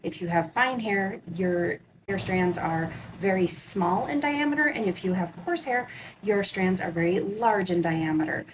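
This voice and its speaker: A woman hairstylist in an explainer video, correcting a common misunderstanding in clear explaining tones. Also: mid-range voice, animated, measured pace, background noise.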